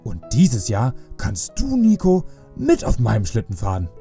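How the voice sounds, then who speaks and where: A jolly old Father Christmas acted by a man speaks with fatherly kindness in a children's audio play. His voice is warm and mellow and swings widely in pitch, with soft music underneath. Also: huge pitch swings, a little slow. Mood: gently solemn. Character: jolly, kindly old Santa Claus with booming ho-ho-ho.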